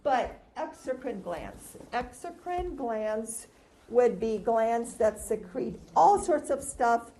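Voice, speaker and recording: A woman's voice: fairly high pitch, lively intonation, slow, dark tone. A woman giving a conversational classroom lecture through a face mask, slightly muffled, putting questions to her listeners and answering them. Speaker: lecturer teaching anatomy and histology. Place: lecture room, recorded as audio. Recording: roomy, echoing lecture room with background noise.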